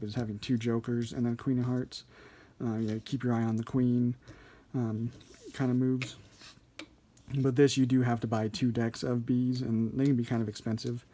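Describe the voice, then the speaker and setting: Male tutorial host, soft-edged mellow tone, mid-range pitch, informal and thinking aloud. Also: flat delivery, normal speed. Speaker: card trick instructor. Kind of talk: casual hands-on tutorial.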